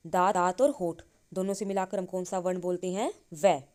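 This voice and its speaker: The voice is a woman's: lowish, steady, and darkish in tone. Teaching Sanskrit grammar through Hindi, she puts questions to herself and answers them, reading each syllable in a slow, drawn-out manner.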